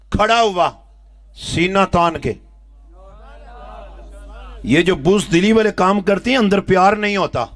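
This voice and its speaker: A male preacher, telling a story in an impassioned sermon that swings from soft storytelling to shouted exhortation. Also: high-pitched, no room sound. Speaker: religious preacher. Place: outdoor religious gathering with a crowd.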